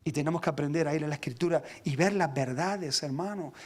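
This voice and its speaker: A man's voice: on the high side, fast talker. A man, a pastor preaching an impassioned sermon who calls his listeners brothers and stumbles over repeated words as he presses his point.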